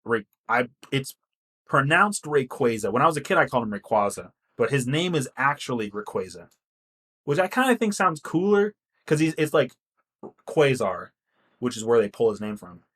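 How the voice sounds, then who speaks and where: Young male podcast co-host, lively pitch, casual, swears a lot. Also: normal speed. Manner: animated, swears freely, rambling. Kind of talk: casual chat.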